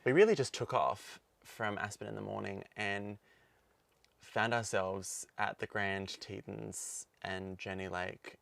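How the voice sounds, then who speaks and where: A man's voice: on the low side, steady tone, slow, creaky, fairly bright tone, no echo. A young man co-hosting a podcast, chatting casually and rambling, laughing often. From Australia. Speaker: podcast co-host. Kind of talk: casual chat.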